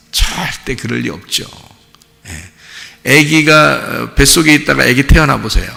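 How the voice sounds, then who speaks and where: A man preaching as pastor, animated and playful, acting out quotes and joking with the congregation. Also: mid-range voice, vocal fry, big-room sound. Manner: animated, acts out quotes with jokes. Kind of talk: sermon.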